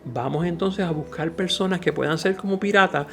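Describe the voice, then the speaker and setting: Higher-voiced Puerto Rican man teaching history, noisy background. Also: fairly quick, vocal fry, a bit bright. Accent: Puerto Rican Caribbean Spanish. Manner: didactic, emphatic, repeats key phrases. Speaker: history teacher and channel host. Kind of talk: informal educational history lecture.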